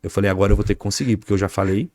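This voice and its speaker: A Brazilian man talks quickly, at an ordinary pitch, as a podcast guest. He tells an anecdote and acts out the dialogue, filling gaps with little tags. The sound is dry and close, with no room echo. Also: steady tone, a little mellow. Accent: Brazilian Portuguese. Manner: anecdotal, acts out dialogue, frequent fillers like "né" and "cara". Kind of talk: casual storytelling interview.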